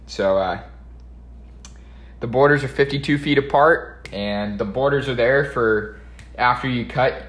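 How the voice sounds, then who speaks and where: Young male co-host, mid-pitched, folksy casual explainer, audible room echo. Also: unhurried, long pauses, a bit bright. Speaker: podcast co-host and farm worker. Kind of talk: casual chat, explaining his work.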